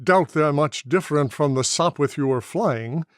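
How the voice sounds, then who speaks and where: A man's voice: on the high side, normal speed, dry recording, studio quality, natural voice. A man playing Banner, a commanding airship captain. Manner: forceful, commanding. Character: commanding male airship captain, gruff and curt.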